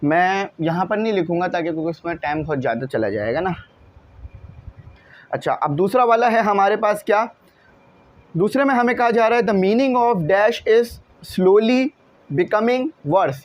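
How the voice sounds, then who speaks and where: A man teaching an English lesson, patiently repeating each word slowly so students get the pronunciation right. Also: sits high. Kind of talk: classroom lesson walkthrough.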